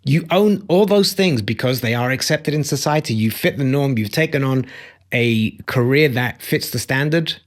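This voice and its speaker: A middle-aged man from the Democratic Republic of Congo, an empathy coach and author, gives a motivational talk to camera about self-acceptance. His medium-pitched voice has lively intonation and a moderate pace. Speaking into a close studio mic on a boom arm in an indoor home office lined with bookshelves, he is earnest and emphatic and repeats key phrases.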